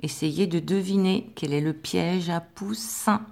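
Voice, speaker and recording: A woman teacher giving a slow, patient dictation lesson to young pupils, spelling out sounds with careful articulation. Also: lowish voice, vocal fry, darkish tone. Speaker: primary school teacher.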